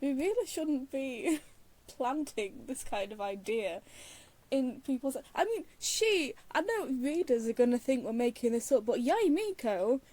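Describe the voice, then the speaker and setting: A streamer plays a story game, giving casual, rambling commentary that's teasing, exasperated and full of giggles. Her high voice is sing-song, a little slow and slightly mellow.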